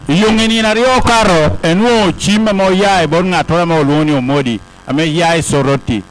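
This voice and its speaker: A man's voice: a little high, normal speed, poor audio. A man acting as interpreter, relaying a podium speech aloud phrase by phrase. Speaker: consecutive interpreter at a ceremony.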